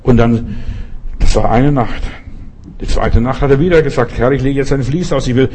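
Husky, mellow-voiced preacher man. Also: medium pitch, moderate pace. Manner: earnest, direct, addresses listener as du. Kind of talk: sermon.

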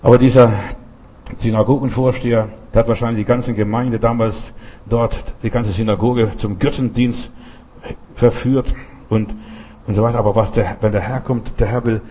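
An older man delivers a fervent sermon in a husky, breathy voice at a middle pitch. He repeats his phrases for emphasis and keeps asking his listeners whether they follow him. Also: fairly even intonation, moderate pace, warm tone. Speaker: Pentecostal preacher.

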